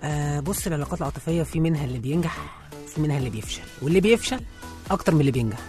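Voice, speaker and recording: A man's voice: fairly high pitch, animated, racing, darkish tone, faint music behind. A man with an Egyptian accent co-hosting a radio show, chatting in a joking, playful, bantering way. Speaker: radio co-host.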